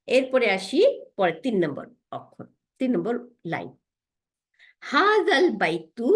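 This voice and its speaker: A woman teaching Arabic grammar, explaining step by step, often asking "right?" and slowing down to spell out Arabic words. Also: on the high side.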